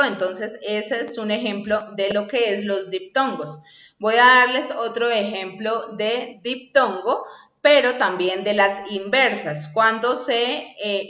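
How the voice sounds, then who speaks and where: Woman instructor, methodical explainer, bright voice, slightly muffled echoey recording. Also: medium pitch. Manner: slow, explanatory, checks in with "¿sí?" and "¿listo?". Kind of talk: recorded online lesson. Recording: echoey room, slightly dull sound.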